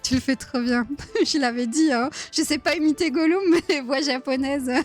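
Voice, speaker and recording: Thirtysomething woman streamer, giggly and chatty, a bit high-pitched, faint music behind. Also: moderate pace. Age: 30s. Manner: giggly and playful, chatting with viewers. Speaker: streamer running a live quiz. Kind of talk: casual live-stream chat.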